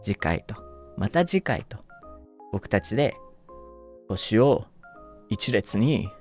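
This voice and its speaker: Chatty Kansai-accented man, lively pitch. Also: slow pace, faint music behind. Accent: Kansai Japanese. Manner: rambling, laughs often, gushing thanks. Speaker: virtual streamer. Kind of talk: casual chat to fans.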